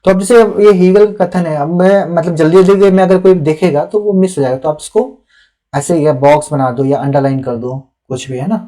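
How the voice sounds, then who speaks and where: A young adult man who teaches is reviewing students' written answers live, reading them aloud with patient instruction. His voice is on the high side and dark, with a steady tone and a fairly quick pace.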